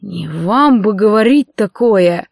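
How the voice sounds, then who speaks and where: A woman's voice: on the high side, expressive, takes it slowly, no room sound, clean studio sound. A woman voicing an indignant stern older man. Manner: indignant, cold, speaks through his teeth. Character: stern older male guardian, indignant and scornful.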